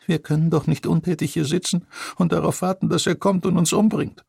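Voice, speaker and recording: A man voicing a frightened, frail young woman who pleads in a high, whining voice in an audiobook. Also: steady tone, a little fast, gravelly, breathy edge, no echo, clean studio sound. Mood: panicked pleading.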